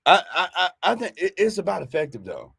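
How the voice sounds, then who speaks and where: A man's voice: high-pitched, big pitch swings, a little fast, gravelly, bright, forceful tone, slightly rough, no room sound, studio quality. A man co-hosting a business talk show, chatting casually and animatedly, laughing often and repeating words as he gets going.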